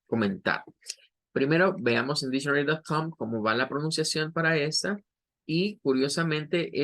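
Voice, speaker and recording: A man's voice: mid-range voice, fairly bright tone. Patient male English teacher. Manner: patient, explanatory, models English words slowly. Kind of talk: online pronunciation lesson.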